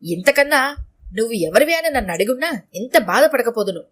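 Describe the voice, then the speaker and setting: A woman's voice: a little high, sing-song, brisk. A woman voicing a middle-aged wife hooked on soap operas, dramatic and wailing.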